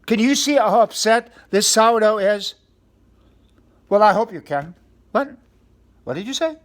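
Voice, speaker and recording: A man's voice: sits high, animated, measured pace. A man hosting a mock-serious comedy talk show in a studio, earnestly questioning food as if it were a guest.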